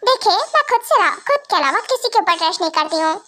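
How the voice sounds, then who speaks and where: A woman plays a defiant young bride in a homemade fan drama. Her voice is very high and bright, and she speaks in a cold, curt, dismissive way. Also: expressive, fast talker, heavily acted. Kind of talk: amateur Hindi fan drama.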